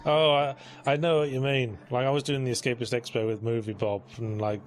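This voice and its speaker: A man's voice: medium pitch, level tone, fairly quick, slight background noise. Sardonic man riffing on a retro game. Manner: sardonic and profane. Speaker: co-commentator. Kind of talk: casual gaming commentary.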